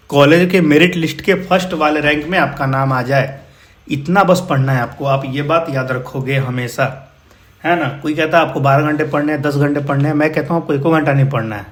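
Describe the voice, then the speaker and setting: A man with a Bihari accent teaching physics numericals in a casual, encouraging way, often calling his students brother. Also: fairly high pitch. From India. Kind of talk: explaining exam problems.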